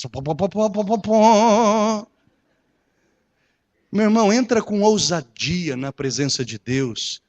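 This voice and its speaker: High-voiced pastor preaching. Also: male voice. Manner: lively preaching, swings from loud to hushed, mimics voices. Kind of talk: sermon.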